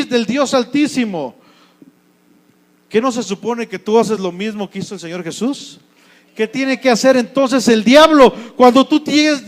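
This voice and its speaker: High-voiced Mexican pastor preaching. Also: male voice. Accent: Mexico City Spanish. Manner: conversational preaching, asks the congregation questions. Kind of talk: sermon. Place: church.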